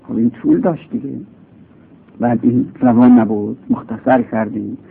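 A man gives a grammar lecture in a gravelly, slightly husky voice. His pitch swings widely as he repeats examples and stresses key points. The recording is tinny and lo-fi, like a phone line. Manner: explains patiently, repeats examples, voice leaps up for emphasis. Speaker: teacher of Arabic grammar. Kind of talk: classroom lecture.

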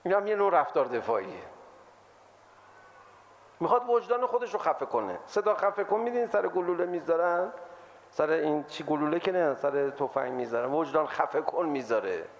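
Animated high-voiced male preacher. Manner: animated, acts out quoted voices. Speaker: religious lecturer. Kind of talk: lively sermon to an audience.

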